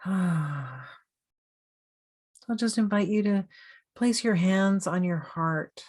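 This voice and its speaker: A woman guides a meditation with a low, unhurried voice. She speaks softly and invitingly, drawing out her words with long pauses between them. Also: animated. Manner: slow, soothing, gently inviting. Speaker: meditation coach.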